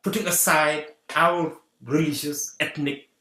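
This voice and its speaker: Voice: mid-range voice, fairly even intonation, measured pace, sharp tone. A guest from Senegal, giving an earnest talk on community unity and repeating rallying phrases. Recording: roomy echo.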